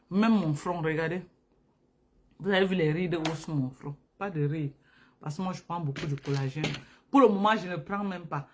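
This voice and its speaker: A woman talking casually and emphatically to viewers on a phone live stream, repeating herself for emphasis. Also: fairly low pitch. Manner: animated, repetitive, emphatic, addresses viewers directly.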